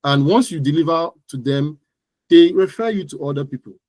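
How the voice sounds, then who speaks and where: Fairly high in pitch with lively intonation, this man talks a little fast in a slightly mellow voice, recorded with no echo. He is a Nigerian-accented digital marketing entrepreneur chatting as an interview guest about his business, repeating phrases to stress them.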